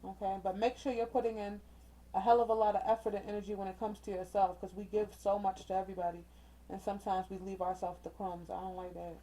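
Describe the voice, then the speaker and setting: A woman with a mellow, darker tone runs a casual card reading at home, talking straight to her viewers. She is chatty and encouraging, and she keeps checking in with a quick "okay?". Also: mid-range voice, little pitch movement, low-quality recording. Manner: chatty and encouraging, uses slang and mild cussing substitutes. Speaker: tarot reader. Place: indoors with a ring light.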